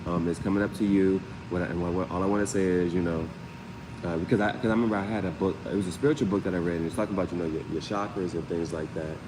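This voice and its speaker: This man races through a live tarot reading in a low, steady voice while noise fills the background. He talks in a rambling, conversational manner, leaning on the phrase "you know what I'm saying."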